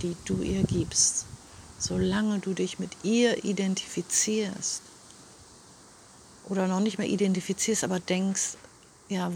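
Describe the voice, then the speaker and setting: Soft-spoken low-voiced woman. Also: creaky, a little hiss or hum. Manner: soft, often half-whispered, addresses the listener directly. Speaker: self-help speaker. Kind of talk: personal reflective monologue.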